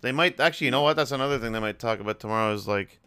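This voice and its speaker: A man hosts a casual podcast with a bright, crisp voice. He talks loosely, cracks jokes and swears freely. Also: medium pitch, racing. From Canada. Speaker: podcast host.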